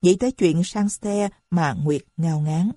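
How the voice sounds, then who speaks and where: A woman reads a novel aloud in a steady narration, with a low, dark and husky voice. The recording is dry and close, with no room sound. She breaks off at times to read explanatory notes. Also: a little slow, dry recording. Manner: steady reading with added footnotes. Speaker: audiobook narrator. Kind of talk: storytelling narration.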